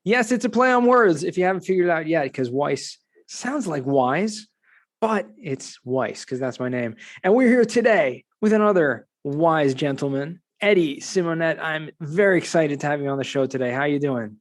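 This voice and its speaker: A man in his forties hosting a podcast interview, enthusiastic and animated as he introduces and questions his guest. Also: a little high, moderate pace. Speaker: podcast host.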